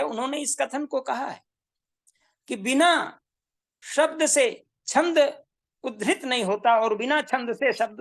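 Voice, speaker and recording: A woman giving a measured, emphatic lecture on Vedic meter, repeating her key points. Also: high voice. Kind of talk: slow explanatory lecture.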